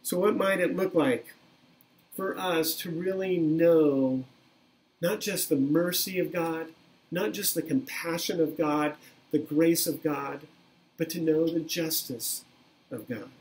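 A man in his fifties gives an earnest sermon in a slow, unhurried cadence, his voice sitting a little high for a man. He leans on repeated phrases as he preaches to a webcam in a small, plain room. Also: low-quality recording. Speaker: pastor. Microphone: webcam at desk, video recording.

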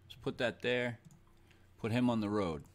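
A Boston man in his thirties streams himself playing a board game in a small room at home, chatting casually to himself and his viewers. His medium-pitched voice moves at a normal speed against a noisy background.

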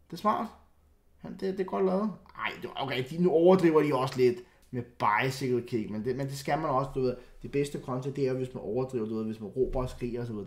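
In an echoey room, a young man reacts to football clips with excitable, casual commentary. He frequently stammers and starts over, his loud outbursts sinking to quiet mutters.

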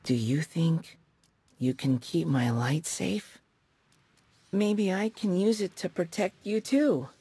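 Slow-talking timid little boy creature. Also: fairly low pitch, warm tone, breathy edge, exaggerated voice. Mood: timid, earnest. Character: small, timid boy creature of light, gentle and earnest. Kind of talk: video game character dialogue. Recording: faint game ambience behind voice.

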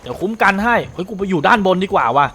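A young man commentating a video game, talking to his viewers, often shouting and swearing. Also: high voice, animated, rapid-fire. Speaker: gaming streamer. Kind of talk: excited Let's Play commentary. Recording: game sounds and noise behind.

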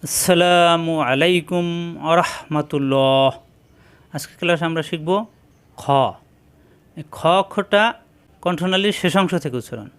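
Male Quran reading teacher, slightly high voice, patient repeat-after-me drilling. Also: animated, fairly bright tone. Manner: slow, drilling repetition of syllables. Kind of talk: spelling out Arabic letters in a recorded lesson.

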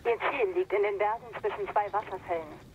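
An actress voicing a calm female ally who gives brisk, steady instructions over a radio transmission. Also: mid-range voice. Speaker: radio contact. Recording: muffled radio with faint hiss.

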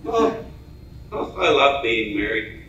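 A man's voice: medium pitch, sing-song, slow pace, pushed and bright, lo-fi sound, exaggerated voice. An older man playing a joking married man at a bar in an amateur stage comedy skit, stammering as he delivers his jokes. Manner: hesitant, stammering joke delivery. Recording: echoey hall, far-off mic, faint noise.

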